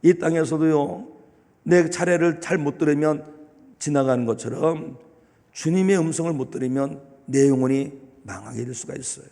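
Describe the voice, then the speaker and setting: A man preaching a sermon as pastor, emphatic and repetitive, swinging between loud declarations and hushed asides. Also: on the high side, moderate pace, gravelly. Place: church sanctuary. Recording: long hall reverb of a church.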